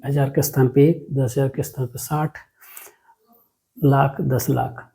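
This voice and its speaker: On poor audio, a maths teacher with a mellow, creaky, medium-pitched voice explains a lesson step by step, keeping a steady tone and a slightly slow pace. Questions get asked and then answered by the teacher, who often repeats words and blends English terms into the explanation.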